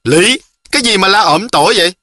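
A man voicing a grumpy, bossy older-brother boy, gruff and scolding. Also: mid-range voice, a little fast, sharp tone, dry recording.

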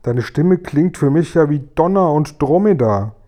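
A man voicing a kindly, huge male giant who talks loudly and excitedly, mixing up his words in a storybook reading. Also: on the high side, unhurried, pitched above the performer's own voice. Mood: pained. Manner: loud and excitable, funny mixed-up words.

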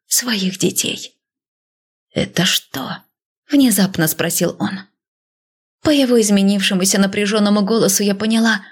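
A woman narrating a first-person audiobook story in a steady, even storytelling manner. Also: medium pitch.

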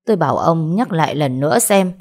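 A woman's voice: low-pitched, expressive, a little fast, a little mellow. A woman voicing a young male company boss who speaks in clipped, menacing lines.

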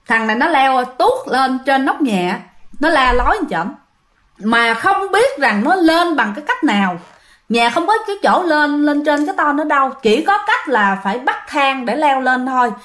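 A woman with a Southern Vietnamese accent tells a ghost story in a chatty, casual way, often speaking straight to her listeners. Her voice sits high. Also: fairly bright tone. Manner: chatty, addresses listeners directly, many fillers.

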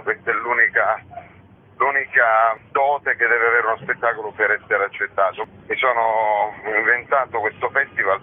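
Over muffled, lo-fi radio sound with slight background noise, a man with a lowish voice speaks as a festival organiser. The interview is conversational, and he is matter-of-fact, frank and discursive.

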